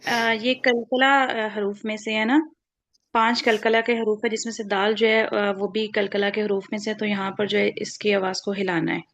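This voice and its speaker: A woman student in an online class, reciting letters and hesitantly explaining a rule with drawn-out fillers. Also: mid-range voice, flat delivery, fairly bright tone, no echo.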